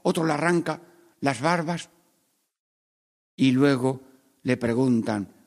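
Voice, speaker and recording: A man leading a Stations of the Cross meditation, praying aloud and swinging between hushed pleas and loud, emphatic lines. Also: mid-range voice, takes it slowly, in a large hall. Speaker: priest.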